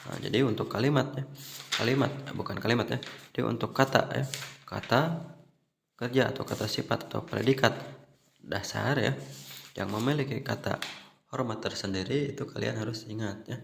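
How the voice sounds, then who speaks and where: A man's voice: mid-range voice, moderate pace, gravelly, pauses often, fairly bright tone, roomy sound, slight background noise. A man explaining grammar patiently, step by step, as a language teacher, with a constant "ya" and "nah". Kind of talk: explanatory online lesson.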